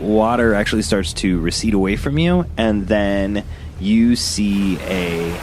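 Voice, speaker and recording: A man acting as game master, improvising scene descriptions for a tabletop game in a halting way. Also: on the low side. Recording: clear background noise.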